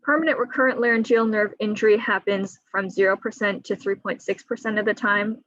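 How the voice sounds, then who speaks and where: Woman surgeon explaining clearly, dry sound. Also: mid-range voice, a bit bright, no room sound, dull audio. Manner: clear explanatory, occasional fillers. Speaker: thyroid surgeon. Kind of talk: patient education talk. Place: video call. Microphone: computer mic on a video call.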